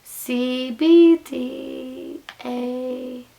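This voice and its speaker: A young woman with a high voice that breaks into gravelly fry, rambling tipsily and giggly to her viewers. She is blunt and sweary, talking in loose, casual slang as she goes. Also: steady tone, extremely slow, dark tone. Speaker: beauty vlogger. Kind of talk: casual, rambling chat to camera.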